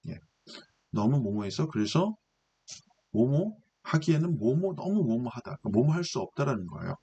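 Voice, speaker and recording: Male lecturer, husky tone, lively pitch, patient step-by-step grammar explanations. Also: moderate pace. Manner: patient, explanatory, asks and answers his own questions. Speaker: English reading teacher.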